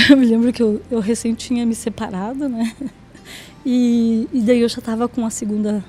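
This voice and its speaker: High, mellow-voiced woman telling her story. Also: fairly even intonation, normal speed, a little hiss or hum. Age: adult, mother of two daughters. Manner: chatty, acts out quoted dialogue, frequent "né?" and "sabe?". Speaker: guest giving a faith testimony. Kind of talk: personal testimony, storytelling.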